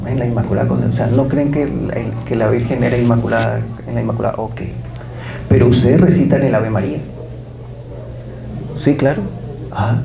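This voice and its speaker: A man's voice: medium pitch, gravelly, echoey room, background noise. A man giving a religious lecture as guest speaker, telling stories with quoted dialogue.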